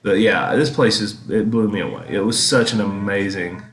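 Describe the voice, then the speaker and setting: Low-voiced man, rambling casual commentary. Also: steady tone, normal speed, fairly bright tone. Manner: rambling, reminiscing. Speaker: vlogger commenting on own earlier footage. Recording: echoey, roomy sound.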